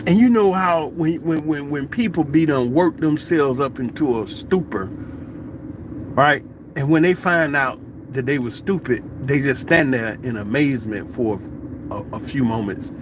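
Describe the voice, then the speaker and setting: A man's voice: mid-range voice, measured pace, noisy background. A man vlogging a casual opinion monologue, telling stories animatedly in colloquial speech. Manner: animated storytelling, colloquial, laughing asides.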